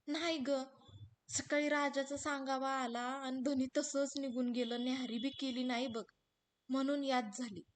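A woman's voice: sits high, flat delivery, moderate pace, lightly acted. A woman voicing a devoted young village wife in rural Marathi dialect, pleading and raised. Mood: wistful. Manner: pleading, raised rustic speech.

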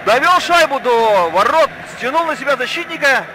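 An excited male hockey commentator pitched extremely high. He is exclamatory and often shouts. Rink noise is clearly audible behind him. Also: normal speed. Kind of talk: excited live sports commentary. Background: ice arena ambience.

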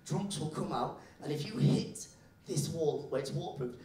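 A male stand-up comedian tells a story on stage and acts out each character as he goes. His voice sits a little high. The sound is roomy, as if from some distance in a live venue, with a faint rumble underneath. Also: normal speed. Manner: animated storytelling, acting out characters.

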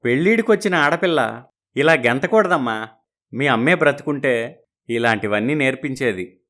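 A woman voicing a kindly widowed older father in a storybook, speaking softly and fatherly. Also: a bass voice, lively intonation, normal speed, voice pushed down. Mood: gentle. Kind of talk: storybook narration.

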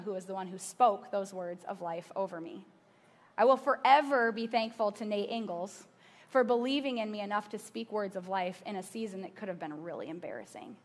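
A woman in her thirties preaching on a church stage, telling personal stories in a conversational way with asides to the audience. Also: medium pitch. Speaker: pastor. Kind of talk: sermon.

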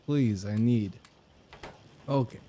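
A man's voice: on the low side, takes it slowly, warm tone, a little hiss or hum. A man putting on a mock Russian accent and broken English as a boastful gamer who repeats himself. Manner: broken English, repeats phrases, brags and blusters.

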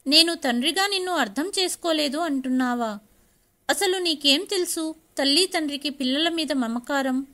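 A woman's voice: high voice, moderate pace, bright, forceful tone. A woman voicing a stern middle-aged father, disappointed but caring. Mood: stern, pleading.

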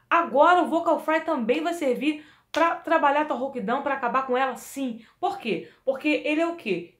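Lively woman singing teacher, echoey room. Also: a little high. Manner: lively, coaching, demonstrates vocal fry sounds. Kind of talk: vocal lesson to camera.

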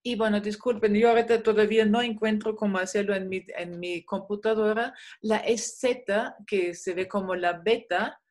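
Chatty woman teaching online. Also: medium pitch. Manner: relaxed, frequent fillers, slow modelling of German sounds. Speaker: German teacher. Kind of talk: online class. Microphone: video call.

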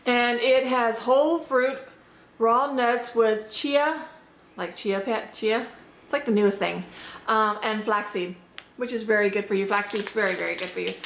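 Upbeat woman vlogger, a little hoarse, higher voice, chatty snack-tasting review in an echoey room with faint noise. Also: moderate pace, fairly bright tone. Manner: chatty, upbeat, thinking aloud. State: slightly hoarse. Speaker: unboxing vlogger. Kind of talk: casual product tasting review. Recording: roomy echo, faint background noise.

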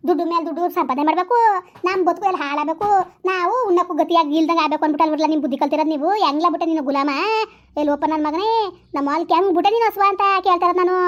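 A woman playing a furious village elder aunt in a comedy skit, cursing and scolding without pause. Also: fairly bright tone. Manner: shrill nonstop scolding and cursing.

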